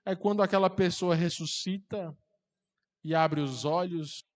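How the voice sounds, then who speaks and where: Impassioned pastor preaching in a hall. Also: male voice, sits high, measured pace. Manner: impassioned preaching, building to loud climaxes. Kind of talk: sermon. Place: church hall.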